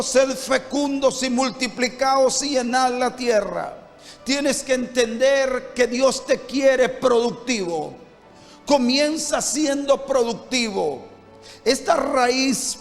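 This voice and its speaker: A Honduran man preaches with a very high, slow voice. He builds fervent runs of repeated phrases and rhetorical questions. His voice carries a long church-hall reverb over faint music. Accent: Honduran Spanish. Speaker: pastor. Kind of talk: sermon.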